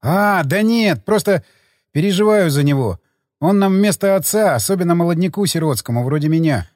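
A man's voice: high voice, lively intonation, moderate pace, a little mellow, no echo, clean studio sound, long reverb tail, voice pushed up. A man voicing a shy, earnest young male sniper who stumbles over his words. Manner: hesitant, stumbling.

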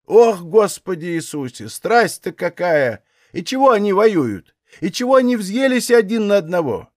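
A man's voice: high-pitched, big pitch swings, moderate pace, dry recording, clean studio sound, pitched above the performer's own voice. A man voicing a nosy, grumbling old widowed Cossack aunt who chides in folksy village speech. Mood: fretful. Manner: chiding, fussy village speech.

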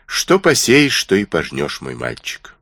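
Man doing a stern kindly ship's doctor, low husky voice, lively pitch, audiobook. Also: a little slow, dry recording, clean studio sound, exaggerated voice. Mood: reproachful.

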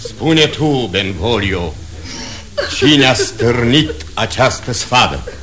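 A man's voice: medium pitch, expressive, a crowd in the background, natural voice. A man as a stern ruling prince. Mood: stern judgement. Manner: commanding, formal declamation. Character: stern male ruling prince, judge of the city. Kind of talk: radio play acting.

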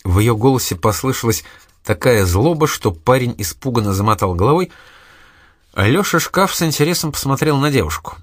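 A man narrating an audiobook in a steady, even reading style. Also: medium pitch, brisk, no echo, studio quality. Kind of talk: scripted narration.

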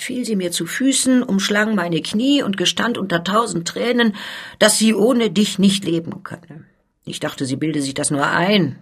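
A woman's voice: fairly low pitch, husky. A woman voicing a sly, menacing older male master goldsmith who threatens in a cold, persuasive manner, in a storybook reading.

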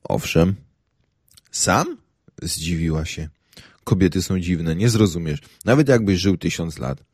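Brief: young male narrator, deep voice, wry and ironic comic reading, dry close-mic studio sound. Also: normal speed, a little mellow, breathy edge, no echo. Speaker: audiobook narrator. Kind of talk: first-person humorous narration.

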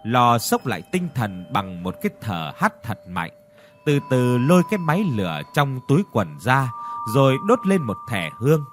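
A man narrating a scripted horror story in a dramatic, steady storytelling manner, over faint background music in a reverberant space. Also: mid-range voice, normal speed.

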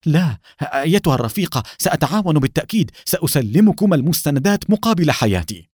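A man voicing a frightened male Soviet officer who shouts and begs for his life. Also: mid-range voice, animated, fast talker, no room sound, studio quality, natural voice. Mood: begging. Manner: shouting, pleading, panicky.

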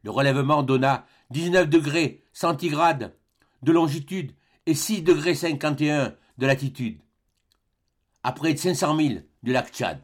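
Man with a slightly high voice narrating a story. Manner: measured, dramatic storytelling. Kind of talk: scripted audiobook narration.

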